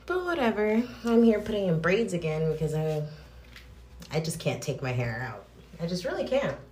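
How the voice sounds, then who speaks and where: A woman with a slightly low voice hosts a casual podcast from a bathroom. Her talk rambles informally with playful asides. The room gives a strong cave-like echo, with faint noise behind her. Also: very animated, moderate pace, a little mellow, distant mic. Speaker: podcast host recommending movies. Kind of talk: casual chat. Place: bathroom, on location. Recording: echoey cave-like bathroom, noisy.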